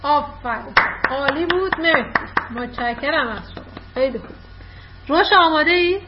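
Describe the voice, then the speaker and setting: A woman teaching children in an online class, encouraging them and quick with praise. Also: high voice, animated, a little hiss or hum. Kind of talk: online class, coaching children to read aloud. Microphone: video call. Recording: dull lo-fi online call audio.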